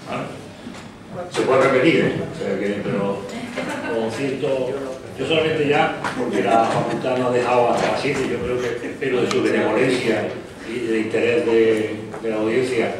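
A man moderating a talk in a university lecture hall, briskly organizing the next questions. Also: mid-range voice, fairly even intonation. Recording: echoey hall from far off, crowd behind.

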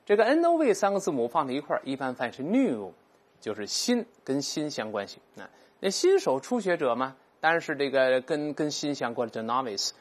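Husky vocab teacher, animated pitch, slow clear repeats of each word. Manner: explains patiently, repeats English words aloud slowly for learners. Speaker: English teacher. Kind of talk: recorded vocabulary lesson.

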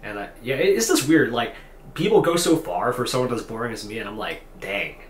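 A tired vlogger in his twenties talks unscripted into a camera set at desk distance inside a small, echoey hotel room with faint ambience and a touch of hiss or hum. His medium-pitched voice has lively intonation and moves a little fast. The talking-head monologue is rambling and self-deprecating, full of fillers and restarts.

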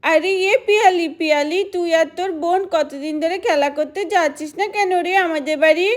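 A woman voicing a kind, sensible village girl who talks earnestly and scolds gently. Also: very high voice, a little fast.

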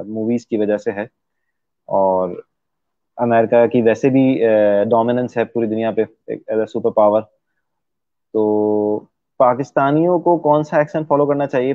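A man from Pakistan, a guest in an interview, explaining things at length and pausing often on drawn-out fillers. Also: mid-range voice, dry recording. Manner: hesitant, many drawn-out fillers. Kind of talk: explanatory conversation. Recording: dry, tinny phone-like sound.

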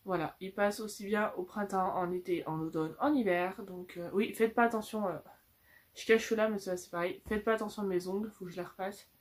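A woman's voice: mid-range voice, steady tone, fairly quick. A young woman from France chatting through a casual makeup review, filmed on a phone at home, with lots of fillers and restarts. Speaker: beauty vlogger. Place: indoors at home with a lamp behind her. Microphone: phone camera.

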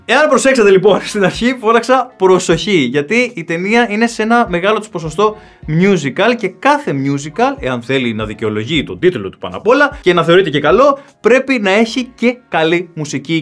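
Chatty, emphatic male film reviewer. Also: sits high. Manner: emphatic and chatty, addresses viewers directly. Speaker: film reviewer and channel host. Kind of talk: casual spoken film review.

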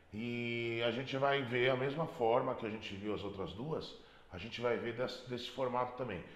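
A man's voice: mid-range voice, roomy sound. A man teaching a beginner piano lesson, explaining patiently and singing out note names as he plays. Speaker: music teacher.

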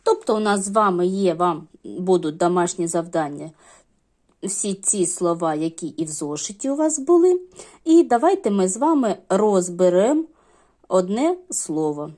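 A woman's voice: fairly low pitch, very animated, moderate pace, warm tone. A middle-aged woman teaching a lesson to young children, explaining patiently step by step. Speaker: primary school teacher.

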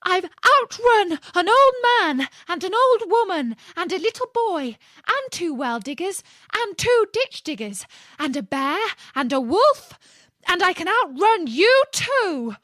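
Lady reading and doing a cocky gingerbread man, high and loud, bragging his head off. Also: big pitch swings, a little slow, no room sound, studio quality, full character voice. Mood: shouting. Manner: bragging, shouted singsong. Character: boastful little gingerbread man runaway.

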